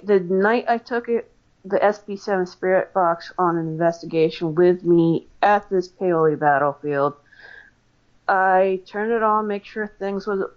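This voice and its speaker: Chatty American woman, lo-fi audio. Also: on the low side. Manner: chatty, many fillers and restarts. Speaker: paranormal investigator guest. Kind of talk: casual interview storytelling.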